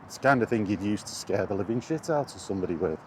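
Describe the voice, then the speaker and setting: Speaking quickly and expressively in a lowish, slightly mellow voice, this man chats casually about his gaming hobby in a vlog. He comes across as hesitant and wryly exasperated as he rambles, with outdoor noise clearly audible in the background.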